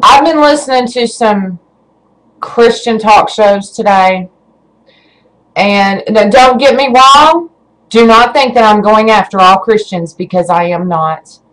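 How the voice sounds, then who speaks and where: A woman vlogger giving an emotional webcam rant, stammering as her anger rises into shouting. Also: fairly high pitch, rough recording. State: shaking with rage.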